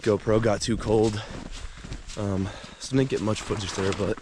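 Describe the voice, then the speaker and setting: This hiking vlogger keeps up casual talk with his own camera as he slogs through snow on a windy trail, wind and outdoor noise behind him. The voice sits fairly low, the tone stays steady, and the pace is a little slow.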